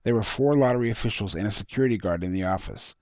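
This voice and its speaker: A low-voiced man, an author reading his own work, narrates fiction from a script at a quick pace. His tone is darkish, and the dry, somewhat dull recording has no room sound or echo.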